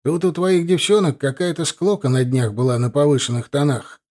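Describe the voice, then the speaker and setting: A man's voice: on the high side, fairly quick, a little mellow, close to an everyday voice. Man doing a sly dorm warden guy, kinda sheepish, kinda smirky. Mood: apologetic. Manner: apologetic, then wry and chuckling. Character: male dormitory warden, apologetic but sly friend.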